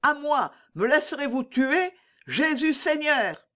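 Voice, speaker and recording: A man's voice: very animated, normal speed, exaggerated voice. A reader voicing a bold, cunning young male musketeer in an audiobook, giving orders and crying out. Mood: shouting for help. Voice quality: high, shouting cries. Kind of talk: audiobook character reading.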